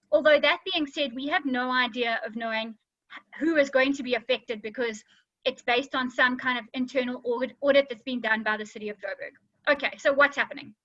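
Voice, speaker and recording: Lady lawyer on a webinar, bright highish voice, bit slurred, dry muffled call sound. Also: no room sound. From South Africa. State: slight slur from dental work. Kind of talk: webinar presentation.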